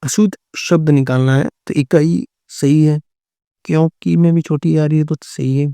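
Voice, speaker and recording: Gravelly man teaching a Hindi exam class. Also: on the high side, fairly even intonation, normal speed, mellow, dry recording. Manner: repeats words and answers, often says "theek hai" and "right". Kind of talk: exam-prep class, going through multiple-choice answers.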